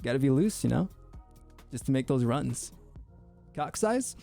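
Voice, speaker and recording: A man's voice: mid-range voice, lively intonation, gravelly, warm tone, soft background music. A young man streaming his VTuber debut, goofy and joking, often tripping over his words in restarts. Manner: goofy, joking, quick to laugh; stammering restarts. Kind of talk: casual livestream chat.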